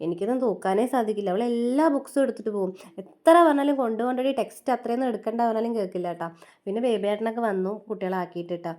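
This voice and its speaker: A woman in her thirties with a Malayali accent, chatting homely and warmly about her family's school-day morning as a vlog voice-over. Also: fairly high pitch, racing. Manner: chatty, homely, often ending lines with a tag. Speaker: family vlogger, mother. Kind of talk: casual voice-over narration.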